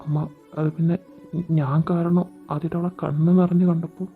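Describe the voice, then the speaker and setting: A woman's voice: on the low side, level tone, natural voice. A woman voicing a young male schoolteacher who stammers and hesitates. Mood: hesitant. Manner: halting, stammering. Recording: tinny phone-like sound. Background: faint background music.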